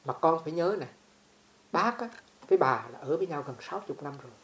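A woman's voice: deep voice, lively intonation, fast, fairly bright tone, echoey room. A woman voicing a wise old male Bodhisattva who teaches a lesson. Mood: instructive.

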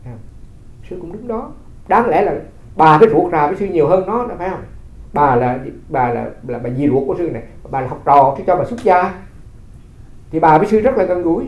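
Fast-talking monk. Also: male voice, fairly high pitch, lively intonation, darkish tone. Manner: conversational storytelling with rhetorical questions. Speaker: Buddhist monk. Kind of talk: dharma talk. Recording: roomy, slightly dull recording.

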